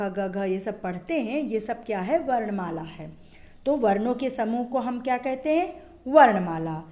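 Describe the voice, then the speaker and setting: Her voice on the high side with a darkish tone, a woman teacher runs through Hindi grammar, asking her own questions and supplying the answers while stretching out sample sounds.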